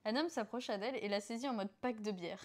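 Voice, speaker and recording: Woman streamer, comic erotic reading, slightly high, deadpan. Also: fast talker.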